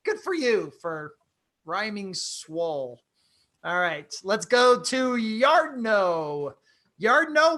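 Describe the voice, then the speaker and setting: A man's voice: high voice, fairly bright tone. A man hosting an online improv dating game, chatty and hesitant with many fillers. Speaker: game show host.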